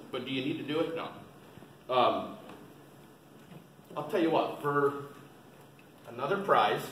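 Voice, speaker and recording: A man with a bright, forceful voice gives a folksy instructional talk, repeating key points in plain words. He is picked up from a distance in a roomy space, with faint noise behind him. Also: fairly high pitch. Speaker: seminar presenter, experienced waterfowl hunter. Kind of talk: informal instructional talk to a group. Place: indoor seminar at a museum.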